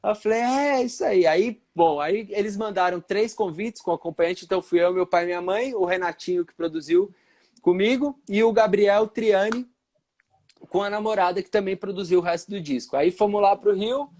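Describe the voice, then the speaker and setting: A man with a Paulista accent and a fairly high voice tells stories in a relaxed live chat. He acts out the voices of the people he quotes with lively jumps in pitch. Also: moderate pace. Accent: Paulista Portuguese. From São Paulo state, Brazil. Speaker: percussionist guest. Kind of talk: casual live interview storytelling.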